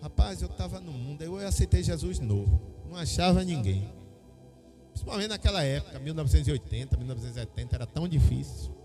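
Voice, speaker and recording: A middle-aged Brazilian man preaching a sermon, telling a personal story and acting out the dialogue with lively energy. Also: a little high, fast talker, over music. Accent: Brazilian Portuguese. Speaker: pastor.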